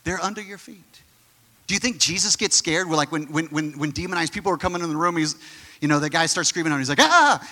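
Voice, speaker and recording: Bright-voiced preacher in an echoing hall. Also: male voice, on the high side. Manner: animated, conversational preaching with quick asides. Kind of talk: sermon.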